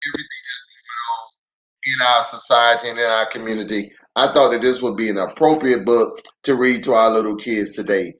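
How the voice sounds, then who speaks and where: In a rough recording, a middle-aged pastor reads a children's storybook aloud at a slightly quick clip, his voice mid-pitched. He's expressive and playful, breaking off for chatty asides aimed straight at the young listeners.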